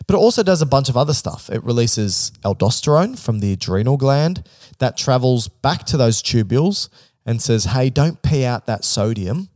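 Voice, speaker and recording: A man talks at a middle pitch in a casual, explanatory chat, walking through ideas step by step with an informal, joking edge. The sound is close and dry, with no room echo. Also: a little mellow. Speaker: podcast co-host.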